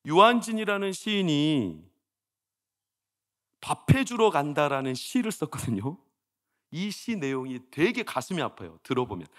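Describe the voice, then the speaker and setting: A high, animated male voice leaps up and down as a pastor in his forties preaches, talking to the congregation like friends and tossing out rhetorical questions. He drops to hushed tones for sad stories, then bursts out loud and exasperated. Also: unhurried, long pauses. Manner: swings from hushed storytelling to loud exasperated outbursts. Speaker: senior pastor. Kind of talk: sermon.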